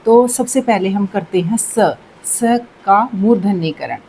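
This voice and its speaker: A woman's voice: medium pitch, animated, slow, mellow, a little hiss or hum, low-quality recording. A woman teaching Hindi grammar in a patient classroom manner, repeating key words and checking in often. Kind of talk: slow, deliberate classroom explanation.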